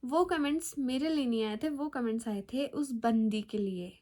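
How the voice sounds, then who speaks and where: Young woman w telling a story, chatty n dramatic, slightly high pitch. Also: moderate pace, darkish tone. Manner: chatty, dramatic retelling with fillers. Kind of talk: casual storytelling.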